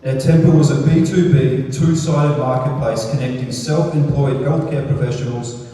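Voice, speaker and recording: A man's voice: medium pitch, steady tone, normal speed, warm tone. A man hosting a live event, introducing speakers from the stage. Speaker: event host. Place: large echoey event venue. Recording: echoey hall, distant microphone.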